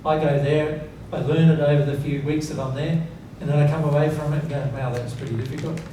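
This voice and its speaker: His voice sits fairly high and stays steady while he talks fast, teaching spiritual principles informally to the audience before him. He hammers key words through repetition and tosses out rhetorical questions to check they're with him. The distant mic picks up a very echoey, noisy seminar room.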